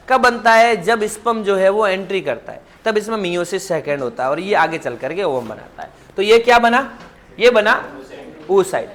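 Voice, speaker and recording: A man's voice: sits high, a bit bright. A man giving a biology class lecture, quizzing his students with constant questions and calling them "child". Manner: calls students "child" affectionately. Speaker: biology teacher.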